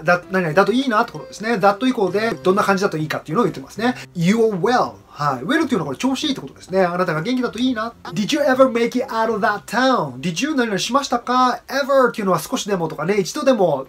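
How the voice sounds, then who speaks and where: Male English teacher, slow English reading, brisk explanations, faint music behind. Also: high voice, a bit bright. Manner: reads English phrases slowly, then explains briskly in Japanese. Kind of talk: explaining song lyrics line by line.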